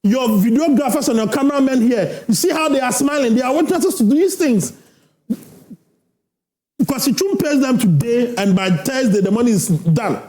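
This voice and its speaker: A Ghanaian man arguing as a political panelist in a heated studio debate, loud and emphatic, repeating rhetorical questions. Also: very high voice, expressive, moderate pace, reverberant.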